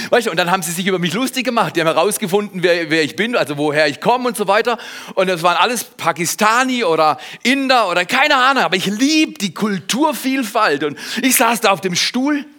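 Male preacher from Germany, high bright voice, lively storyteller who talks straight to the listener and drops to near-whispers. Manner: animated storytelling, swings from loud to hushed; addresses listener directly. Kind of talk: sermon with personal anecdote.

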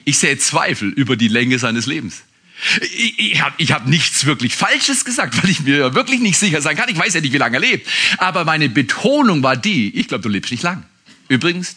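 Husky-voiced man preaching, bright edge. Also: mid-range voice. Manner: swings between emphatic outbursts and quiet asides; conversational preaching with direct questions to listeners. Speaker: pastor. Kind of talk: sermon.

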